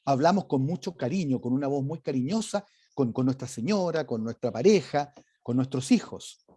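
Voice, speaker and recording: A man's voice: mid-range voice, animated, moderate pace, mellow, breathy edge. A man teaching a leadership class online, talking emphatically and varying his intonation. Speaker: leadership course instructor. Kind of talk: online lecture.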